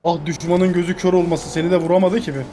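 A woman gaming YouTuber chatting casually during gameplay, often shouting in exasperation. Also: on the low side, flat delivery, quick pace, soft background music.

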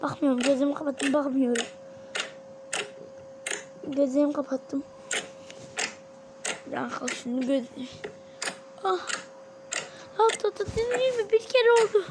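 Excitable high-voiced woman, noisy recording. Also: measured pace, pauses often. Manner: excitable, exclaiming and counting aloud. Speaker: video creator. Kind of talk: reaction challenge vlog.

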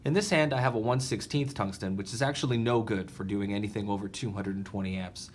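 A man with a fairly low voice walks through a welding fix step by step. He talks plainly and practically, with a faint hiss in the background. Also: quick pace. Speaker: welding instructor. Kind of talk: instructional demonstration. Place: welding workshop.

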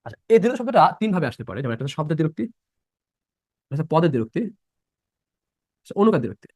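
Fast, lively man teaching a class. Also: on the high side, no room sound, studio quality. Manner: repeats points and quizzes students by asking questions. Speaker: admission-prep teacher. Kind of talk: live online class lesson.

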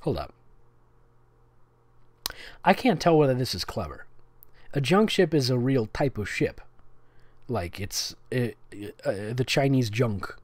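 Very animated yet slow-paced, with long pauses, a man with a mid-range voice hosts a comedic dramatic reading of fan fiction. He nitpicks sarcastically and keeps breaking into giggles, with no room sound.

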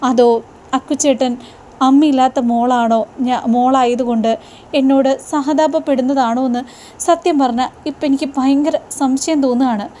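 A woman's voice: sits high, steady tone, normal speed, warm tone, a little hiss or hum, close to an everyday voice. Woman reading as a tearful young wife. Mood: tearful pleading. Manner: earnest, plain retelling of her words.

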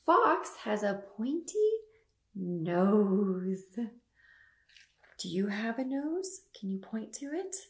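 A woman's voice: mid-range voice, sing-song, slow, pauses often. A young woman reading picture books to toddlers as a storytime host, asking simple questions with exaggerated emphasis. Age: young adult. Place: small room at home, indoors. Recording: roomy home webcam sound.

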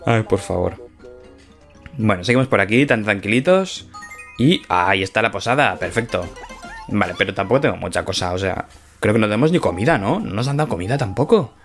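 A man's voice: lowish voice, lively intonation, a little fast, a bit bright, faint music behind. A man with a Spain Spanish accent hosting a casual gameplay video, chatty and playful, laughing often as he talks. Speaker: gaming let's-play host.

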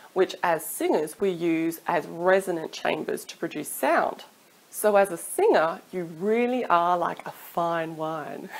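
A singing teacher in her thirties gives chatty, encouraging advice to camera from a small room at home, laughing now and then. Her voice is medium in pitch. The audio is poor, though she uses a studio mic placed off camera.

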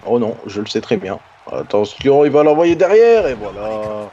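A man giving excited, casual commentary on a wrestling video game. He cheers on the wrestlers and repeats his exclamations. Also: medium pitch, highs cut off, a little hiss or hum.

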